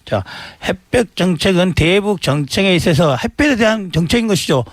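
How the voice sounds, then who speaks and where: A man's voice: high-pitched, expressive, a little fast, no echo. A man who is a campaign spokesman in a mock debate, defending himself and laughing things off. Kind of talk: political debate talk.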